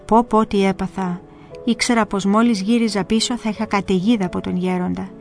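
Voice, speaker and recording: Calm woman narrating over soft music. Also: mid-range voice. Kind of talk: first-person storybook narration. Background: faint music.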